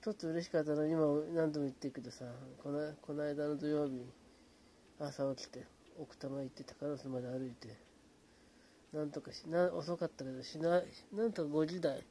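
A man talking in a hushed, low voice from his apartment late at night, greeting viewers by name and rambling in a relaxed way. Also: slight background noise. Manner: hushed, low-volume talk; relaxed, rambling, fond of fillers like うん. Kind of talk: casual late-night chat.

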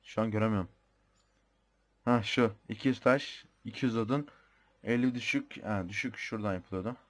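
Here a young gamer with a Turkish accent narrates his own gameplay in a casual, chatty way, thinking aloud and occasionally muttering a mild curse. He speaks at a moderate pace in a lowish, slightly bright voice.

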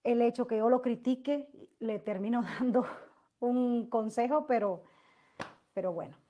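Loud, emotive woman hosting a live chat. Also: a little high, unhurried, muffled recording. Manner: loud, emotive, talks at length; reads out viewer messages and answers them. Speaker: live stream host reading viewer comments.

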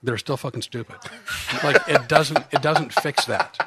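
A male comedian hypnotist chats casually as a podcast guest, joking and self-deprecating, with many restarts. His voice is medium-pitched and sharp-toned, at a moderate pace.

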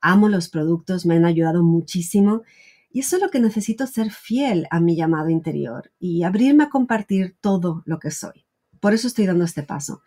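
A woman around forty speaks in a slightly low, mellow voice. She talks straight to the viewer in an earnest, explanatory vlog style, as the host of her own channel. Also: lively intonation, normal speed. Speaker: YouTube channel host, wellness educator. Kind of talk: direct-to-camera explanatory vlog talk. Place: small wood-panelled home office, indoors.

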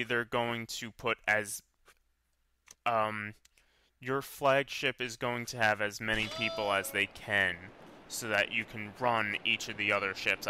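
A man's voice: fairly low pitch, pushed and bright, slight background noise. A man casually commenting on his own gameplay, rambling and correcting himself as he goes. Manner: rambling, self-correcting, offhand. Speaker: let's play commentator.

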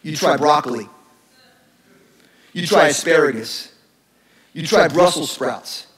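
A middle-aged male pastor giving a lively, joking sermon in a church. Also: fairly high pitch, slow, echoey room, rough recording. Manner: animated, joking, acts out sarcastic voices. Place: church sanctuary.

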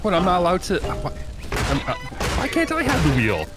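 Giggly gamer man, wildly animated pitch. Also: quick pace, over loud music. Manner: giggly, puzzled, easily amused. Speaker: co-op guest player. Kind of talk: casual let's-play banter.

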